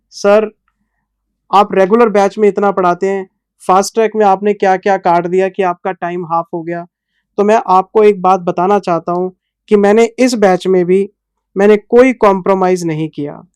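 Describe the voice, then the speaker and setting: A man teaching accounting who explains his course to students. He speaks slowly and patiently, and addresses them in a fatherly way. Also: high voice, clean tone, dry recording, clean studio sound. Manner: deliberately slow, patient delivery; fatherly, calls students "son".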